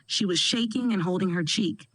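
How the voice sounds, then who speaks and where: A woman narrating a first-person family drama in a steady, dramatic storytelling manner. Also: lowish voice, normal speed, no room sound, low-quality recording.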